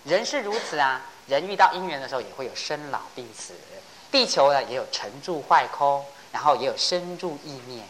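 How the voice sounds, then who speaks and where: Brief: old male master, patient and teaching, lively pitch as a woman plays him. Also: fairly quick, slight background noise, low-quality recording. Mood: instructive. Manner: questioning, instructive.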